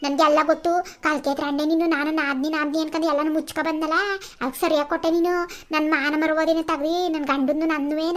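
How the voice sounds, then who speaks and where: Woman doing a squeaky fast old village mom from a cartoon, yelling insults flat and harsh. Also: lightly acted. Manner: harsh, abusive scolding. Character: old village mother scolding her sister-in-law. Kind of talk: cartoon voice acting.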